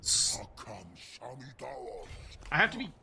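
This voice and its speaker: A man's voice: slow pace, bright, forceful tone, a little hiss or hum. A man giving casual, playful game commentary with wry asides, as a streamer talking to viewers. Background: music behind the voice.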